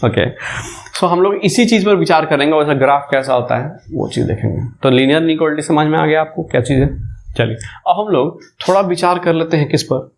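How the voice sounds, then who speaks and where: Guy teaching maths w a bihari accent, voice sits kinda high, keeps quizzing the class and repeating stuff. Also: brisk, gravelly, slight background noise. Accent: Bihari Hindi. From India. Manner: repeats key terms as questions to the class, mixes English terms into Hindi. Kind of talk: classroom lecture.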